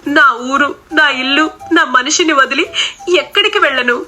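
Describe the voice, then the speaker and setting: Woman as a possessive young bride: insistent, bright and high. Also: animated, moderate pace, heavily acted. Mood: firm. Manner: firm, insistent.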